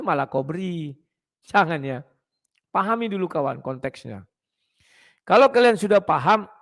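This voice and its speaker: A man giving blunt, casual preaching talk to his viewers, clearing his throat often. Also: high voice, a bit bright.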